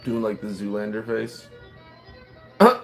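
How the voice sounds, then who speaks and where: With faint classical music in the background, an American man in his late thirties talks casually on a livestream while his restaurant order is on its way, meandering and answering what viewers type. His voice is fairly low and a little slow.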